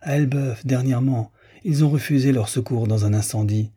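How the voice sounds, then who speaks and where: A distraught young idealist pleads in a doleful, plaintive voice that sits a little higher than the reader's own, as a man puts him on for an audiobook. The tone stays dark and mellow, with a husky grain. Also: moderate pace, natural voice. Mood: despairing.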